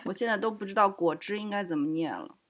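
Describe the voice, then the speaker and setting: A woman from China co-hosting a casual podcast chat, playful and quick to joke. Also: mid-range voice. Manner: playful, laughs easily. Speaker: podcast co-host.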